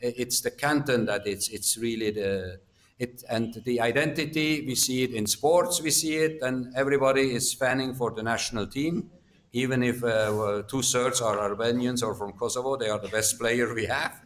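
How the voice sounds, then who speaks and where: A man answering audience questions as ambassador on a panel, speaking haltingly with many restarts and fillers. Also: medium pitch, fairly even intonation. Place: conference hall.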